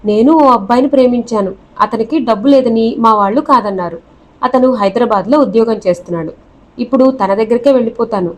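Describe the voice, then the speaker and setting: A woman's voice: on the high side, brisk, close to an everyday voice. A woman reading as a cocky young groom. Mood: boastful. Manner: cocky, deadpan teasing. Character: proud boastful young man, the runaway groom.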